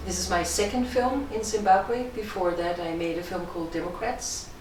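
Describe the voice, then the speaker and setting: A middle-aged woman from Denmark with a Danish accent, a film director giving measured, thoughtful interview answers. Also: mid-range voice, a little mellow, faint music behind. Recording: echoey room, distant mic.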